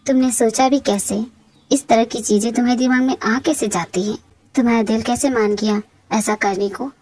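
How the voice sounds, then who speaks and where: High, pleading young woman in an audio drama. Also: steady tone, moderate pace, darkish tone. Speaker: voice actor.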